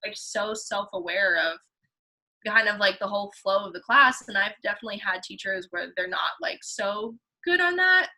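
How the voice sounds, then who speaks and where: Young woman, bright tense tone, chatty ballet teacher in casual conversation. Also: mid-range voice, animated, normal speed, low-quality recording. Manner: chatty, filler-heavy, laughs often. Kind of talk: casual chat.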